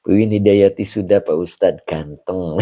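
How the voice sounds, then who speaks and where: A man, an Islamic teacher greeting online viewers by name in a chatty way, often chuckling and clearing his throat. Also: low voice, unhurried, warm tone, lo-fi sound. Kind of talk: greeting viewers of an online religious study session.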